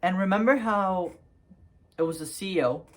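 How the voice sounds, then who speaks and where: A man's voice: high-pitched, moderate pace, fairly bright tone. Young guy vlogging a storytime, rambly, lots of ums and restarts, laughs at his own story. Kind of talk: casual storytime.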